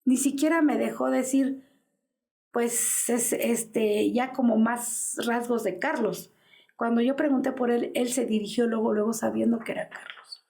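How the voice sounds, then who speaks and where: A woman's voice: on the high side, steady tone, unhurried, creaky, warm tone. A woman in her fifties with a Mexican Spanish accent, giving an interview as the mother of a missing man and telling an anguished story that acts out the dialogue. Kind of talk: personal testimony in an interview.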